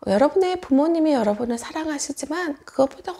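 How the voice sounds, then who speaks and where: Lively woman children's pastor telling a story. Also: high voice, a little fast, creaky, slight background noise. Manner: storytelling, often dropping into hushed whispers; asks the children questions. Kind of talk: Sunday school sermon for children.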